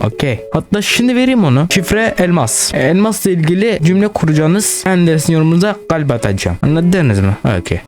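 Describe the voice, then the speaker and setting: A man giving casual let's-play commentary, excitable, swearing and talking straight to his viewers. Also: fairly high pitch. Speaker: gaming channel host.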